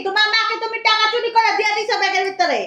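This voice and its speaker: An actress playing a loud, accusing mother-in-law in a family drama. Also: extremely high pitch, fairly even intonation, rapid-fire, echoey room. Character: scolding accusing mother-in-law, middle-aged woman.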